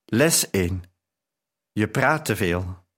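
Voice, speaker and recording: A man's voice: on the low side, expressive, slow, a bit bright, exaggerated voice. Commanding, teasing nobleman, played by a man, confident and at ease. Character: commanding Persian nobleman, teasing and self-assured.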